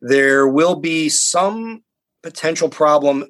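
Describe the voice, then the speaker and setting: A man's voice: on the high side, slow, a bit bright, poor audio. Earnest man explaining plainly. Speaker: university scientist guest. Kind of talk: conversational interview.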